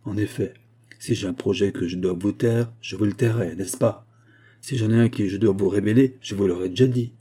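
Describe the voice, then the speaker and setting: A sly, composed churchman who speaks in measured, evasive sentences, low and dark in tone, as a man reads him aloud. The husky texture gives the calm lines a quiet weight. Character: sly, composed male bishop, hiding a plot. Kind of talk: audiobook character reading.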